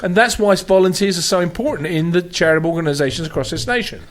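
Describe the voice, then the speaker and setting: A man's voice: sits high, quick pace. A man hosting a talk radio show, talking in a rambling, emphatic way with many restarts. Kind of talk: casual talk radio chat.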